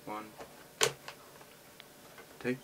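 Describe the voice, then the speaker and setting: A man's voice: drawn-out words, recorded from a distance. A British man gives casual, eager commentary while unboxing toys at home. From Britain. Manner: chatty, eager toy-collector enthusiasm. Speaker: toy reviewer. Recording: noisy home recording with clicks.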